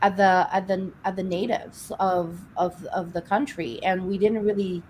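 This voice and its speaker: A woman's voice: mid-range voice, flat delivery, a little mellow, a little hiss or hum, low-quality recording. A woman from Venezuela in a casual group chat, speaking reflectively with frequent restarts. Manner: halting, restarts often, reflective. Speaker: chat participant.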